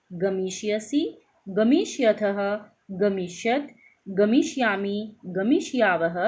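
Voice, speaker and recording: A woman teacher giving a grammar lesson, slowly reciting verb forms and checking in with her students. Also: mid-range voice, slightly rough. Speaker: Sanskrit teacher.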